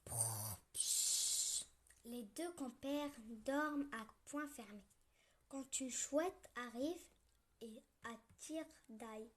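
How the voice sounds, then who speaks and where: A woman reading a children's story aloud, gentle and playful with snoring sound effects. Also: high-pitched, slow pace.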